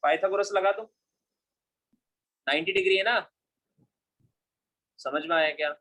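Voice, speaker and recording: A man's voice: sits high, a little slow, bright, forceful tone. A male physics teacher lecturing a class, often checking whether the students have understood and mixing English terms into his speech. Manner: keeps checking students follow, asking "understood?".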